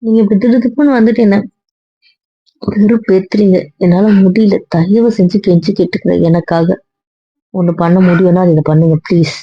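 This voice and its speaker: A woman's voice: mid-range voice, fairly even intonation, moderate pace, husky, dry recording. A woman playing a young wife in a hobby audio drama, earnestly pleading and refusing over and over, recorded with a dull lo-fi sound.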